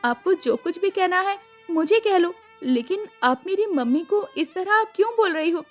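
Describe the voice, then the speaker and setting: Young bride, played by a woman, timid and pleading, high voice. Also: expressive, normal speed, faint music behind. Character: meek young daughter-in-law, pleading.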